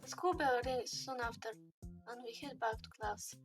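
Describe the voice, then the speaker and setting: High soft-voiced woman streamer, voice wearing out, reads a game aloud, faint music behind. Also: normal speed. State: voice tiring. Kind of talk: casual stream chat and narration.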